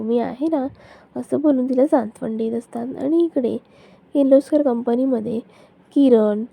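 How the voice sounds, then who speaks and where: Woman retelling a soap episode all chatty, fry in her voice, high-ish. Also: warm tone. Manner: chatty, leans on filler particles. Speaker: serial recap narrator. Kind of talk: casual plot retelling.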